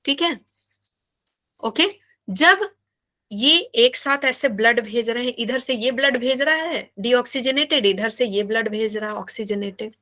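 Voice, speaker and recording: Woman biology teacher. Slow and bright, quizzes her students often. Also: on the high side. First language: Hindi. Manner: questioning, repeats key terms. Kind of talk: live online class lecture.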